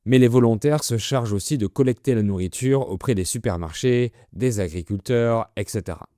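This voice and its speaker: A man's voice: medium pitch, moderate pace, warm tone, no echo, clean studio sound. A man presenting an explanatory lesson for language learners in a didactic way, explaining words simply. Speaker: French teacher presenting a listening lesson.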